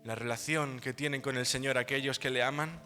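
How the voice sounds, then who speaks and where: A man preaching a sermon as pastor, telling the story in a lively way with playful humor. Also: mid-range voice, a little fast. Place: church hall. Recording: hall reverb with soft music behind.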